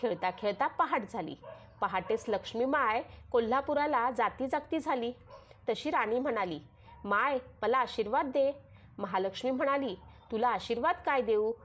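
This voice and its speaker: A woman with a Marathi accent tells a traditional devotional story at a moderate pace. Her voice is a bit higher than most women's, and she holds a steady, sing-song storytelling rhythm while voicing the quoted dialogue within it.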